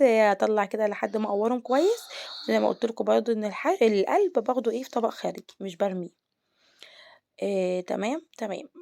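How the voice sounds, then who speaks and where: A woman's voice: fairly high pitch, dark tone, no echo, studio quality. A woman with an Egyptian Arabic accent hosting a home cooking tutorial, chatty and explaining each step to her viewers. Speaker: cooking channel host. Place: home kitchen.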